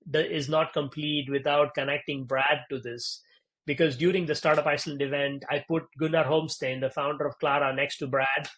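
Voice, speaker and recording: A man from India, a startup founder being interviewed, telling stories in a lively conversational way with lots of "you know" and "right?". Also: medium pitch. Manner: animated, acts out quoted dialogue, frequent "you know" and "right?".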